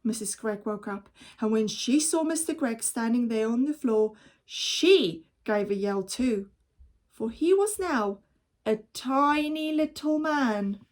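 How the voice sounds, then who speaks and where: In the manner of a teacher, a woman reads a children's story aloud, pacing it carefully and giving it expression. Her pitch is fairly high.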